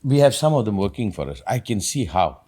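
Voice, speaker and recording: A man hosting a reflective talk, an animated storyteller who acts out quotes as he rambles through his points. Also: lowish voice, a little fast. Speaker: podcast host.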